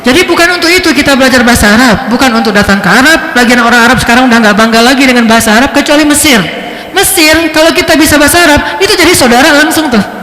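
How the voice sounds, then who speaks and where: High-voiced man preaching in an echoey hall. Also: racing. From Indonesia. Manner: lively storytelling, shifting pitch for effect. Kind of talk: religious lecture.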